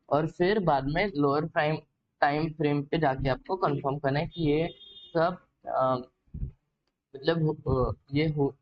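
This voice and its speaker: A man's voice: on the high side, muffled recording. A man explaining a trading concept from his notes in a casual lesson, hesitant and full of filler words as he talks to the viewer. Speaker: trading learner sharing notes.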